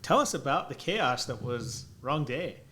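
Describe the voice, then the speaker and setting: A man's voice: medium pitch, lively intonation, measured pace, fairly bright tone. A man hosting a podcast, asking questions in an easygoing way. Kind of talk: casual interview.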